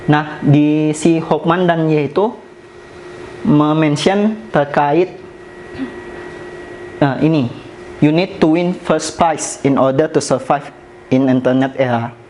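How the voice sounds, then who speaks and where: A man walks colleagues through presentation slides in an easygoing, chatty manner. His voice sits a little on the high side, and he often pauses on filler sounds while dropping in English business terms. A faint hum of background noise runs underneath. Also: a little mellow, low-quality recording. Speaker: presenter at a company sharing session.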